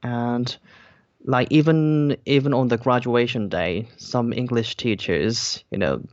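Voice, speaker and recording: A young man with a Korean accent answers interview questions casually. He speaks at a middling pitch and often pauses to restate his phrases. The recording is dry and close, with a slightly dull, lo-fi tone. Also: no room sound. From South Korea. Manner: hesitant, repeats phrases, frequent "like" and "you know". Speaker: interview guest, YouTuber.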